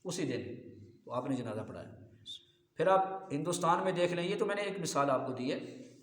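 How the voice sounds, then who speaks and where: A man's voice: fairly high pitch, animated. A man giving a sermon as an Islamic preacher, in a rhetorical manner, often asking his listeners whether they follow. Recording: echoey hall reverb.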